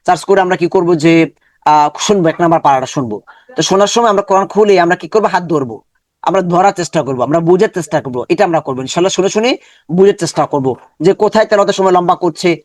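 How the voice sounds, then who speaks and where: A man teaching an online Quran reading class, explaining step by step with many pauses and fillers. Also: high-pitched, dry recording, studio quality. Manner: slow drawn-out recitation when reading verses.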